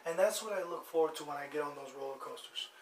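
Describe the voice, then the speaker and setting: A man's voice: a little high, fast, over a noisy crowd. A man hosting a blunt, rambling news monologue, mocking as he goes. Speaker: host. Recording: echoey room, distant mic, faint noise.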